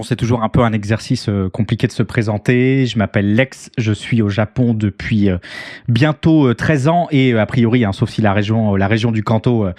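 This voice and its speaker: A man's voice: mid-range voice, a little mellow, no echo, clean studio sound. A man, chatting casually as an interview guest in a hesitant, wordy, self-deprecating way. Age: 30s. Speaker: interview guest, online show host.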